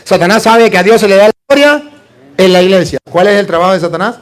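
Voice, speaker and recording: A man with a high voice preaches a lively sermon, pressing his listeners with rhetorical questions and call-and-response. He slips in playful little exchanges and lands them with humor. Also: fast. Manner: humorous, plays out little dialogues.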